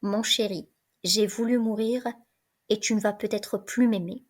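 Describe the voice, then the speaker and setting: A woman reading the part of a weary young woman prisoner facing death, in a soft, tired murmur. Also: medium pitch, steady tone, a little slow, close to an everyday voice. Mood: frightened.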